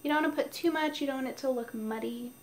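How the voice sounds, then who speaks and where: A woman with a high-sitting voice and a stuffy nose talks quickly and chattily through her makeup routine, explaining each step. She's a beauty vlogger recording at home on a noisy mic, with slight background noise.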